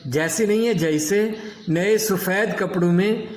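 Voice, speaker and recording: A man teaching an Urdu lesson, explaining word meanings and correcting pronunciation by repeating words slowly. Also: high-pitched, roomy sound.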